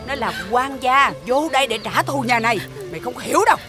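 An actress playing a stern, wealthy matriarch who scolds harshly, with a Southern Vietnamese accent. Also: female voice, high voice, brisk, natural voice. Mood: angry scolding. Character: stern wealthy household matriarch, commanding and furious. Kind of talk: TV drama acting. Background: music.

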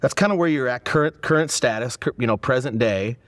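This pastor, in his forties, hosts a casual interview podcast from a dark indoor church auditorium. He has a medium-pitched voice and speaks fairly quickly, captured in studio quality without echo. His manner is earnest, with stumbling restarts and warm affirmations.

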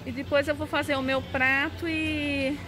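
An enthusiastic woman with a rather high voice films a casual vlog on a handheld phone, chatting straight to her viewers. Music plays clearly behind her as she walks through a big indoor restaurant. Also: little pitch movement, a little slow. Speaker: travel and food vlogger. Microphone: handheld phone camera.

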